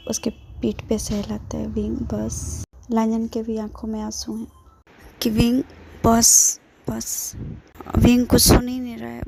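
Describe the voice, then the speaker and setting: A woman casually retelling a drama story, relaxed, with fillers and English words mixed in. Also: a little high, vocal fry, a little hiss or hum.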